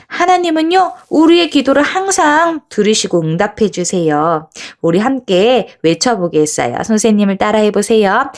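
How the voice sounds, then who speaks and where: A woman teaching preschoolers at Bible school in a coaxing, sing-song way. She asks the children questions and slows down so they can repeat phrases after her. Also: medium pitch. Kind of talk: demonstration lesson for preschoolers.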